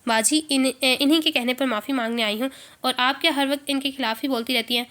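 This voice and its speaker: A woman's voice: high voice, fairly even intonation, fairly bright tone. A woman reading the part of a headstrong young woman who complains and pouts. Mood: sulky. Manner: complaining, pouting. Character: headstrong young woman, sulky and quick to anger.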